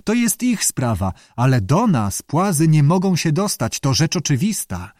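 A man's voice: fairly high pitch, big pitch swings, moderate pace, darkish tone, no echo, clean studio sound, pitched above the performer's own voice. A male audiobook reader voicing a stubborn old father who scolds his son and later grows shaken and afraid. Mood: dismissive. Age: older. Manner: scolding, dismissive, later shaky and fearful. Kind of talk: audiobook character voice.

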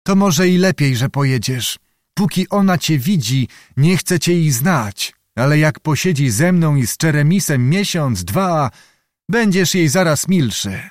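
A man's voice: on the high side, animated, measured pace, no room sound, clean studio sound. A man voicing a fierce young Cossack witch, wild and coarse, in a raised chanting voice for an audiobook. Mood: teasing, sly. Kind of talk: audiobook reading.

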